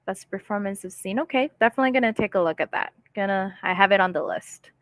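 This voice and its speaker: She's a fast-talking native English speaker with a medium-pitched voice, hosting a relaxed live stream. Between frequent laughs she reads viewer comments out loud, and the recording is dry.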